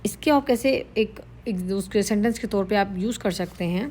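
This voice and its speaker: A woman's mellow, mid-range voice patiently teaches Arabic vocabulary. She mixes Urdu with English, explaining the words one at a time at a slow pace and repeating each.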